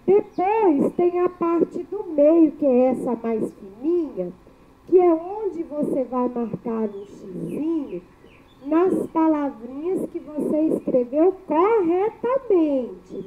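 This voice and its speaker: A woman teacher giving a children's spelling lesson, sounding out syllables slowly and clearly in a sing-song way. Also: high voice, big pitch swings, slight background noise. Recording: thin phone-like audio.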